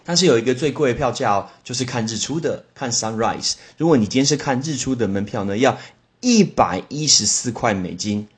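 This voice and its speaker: Speaking quickly with few pauses at a medium pitch, a Taiwanese-accented man hosts a relaxed one-person podcast lesson. He's full of lively exclamations and spells out English words letter by letter.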